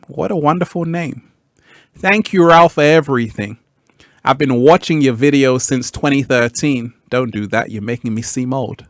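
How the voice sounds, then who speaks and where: Laid-back guy on a livestream, talks slow, laughs a lot, dry close sound. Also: a little high, dry recording. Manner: laid-back, laughs often, repeats phrases, sudden whoops. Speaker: livestream host. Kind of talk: live stream chat, reading comments.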